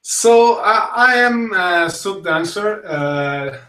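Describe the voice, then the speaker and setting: Spanish-accented male host, young, slightly high voice, slow and hesitant, roomy distant sound. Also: lively intonation, bright, forceful tone. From Spain. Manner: hesitant, many fillers and restarts. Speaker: talk show host. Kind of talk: casual live-stream talk show. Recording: echoey room, voice set back from the mic.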